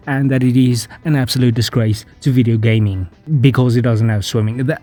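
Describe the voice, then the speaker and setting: A man giving sarcastic, deadpan commentary on video games, casual and sometimes profane. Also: mid-range voice. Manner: deadpan mock-dramatic delivery. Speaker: gaming YouTuber.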